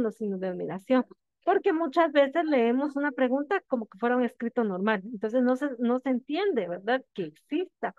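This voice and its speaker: A woman's voice: on the high side, darkish tone, no room sound. A woman teacher giving a lesson to her students, explaining steps patiently and often checking that they follow. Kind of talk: classroom lecture. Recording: dry, tinny phone-like sound.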